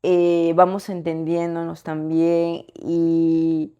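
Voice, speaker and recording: A woman's voice: lowish voice, monotone, very slow, warm tone, clean tone, lo-fi sound. A young woman co-hosting a podcast, talking reflectively in casual chat, hesitating and adding tag questions as she thinks aloud. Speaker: podcast co-host.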